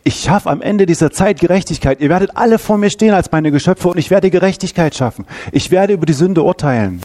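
A man's voice: high voice, lively intonation, fast, mellow, pitched above the performer's own voice. A man voicing God as a grieving, wrathful yet loving father, speaking in emphatic repeated pleas. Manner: emphatic, repeating short pleading phrases.

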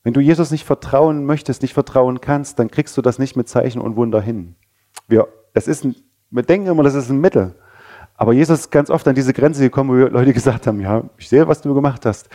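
Preaching at a fairly quick pace, a male pastor keeps his sermon conversational and often puts questions to the congregation. His voice is mid-pitched, dark and mellow, moving back and forth between urgent, lifted passages and soft, low stretches.

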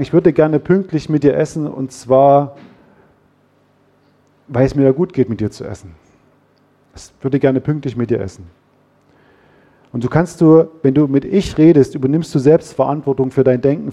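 A man preaching a sermon, lively, acting out quarrels in quoted voices. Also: mid-range voice. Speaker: pastor.

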